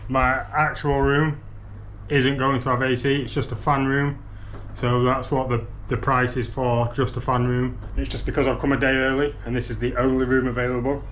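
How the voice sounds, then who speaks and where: A man's voice: mid-range voice, little pitch movement, normal speed, fairly bright tone, slight background noise, low-quality recording. A man in his thirties vlogging while travelling, chatty and upbeat, speaking to an action camera at arm's length. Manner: chatty, upbeat, laughs often. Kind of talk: casual vlog to camera. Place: outdoors on streets, station and beach. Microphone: action camera held at arm's length.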